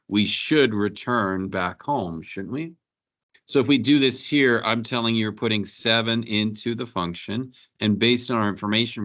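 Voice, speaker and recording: A man's voice: on the low side, a bit bright. A male math teacher lecturing a class, questioning students and walking them through each step.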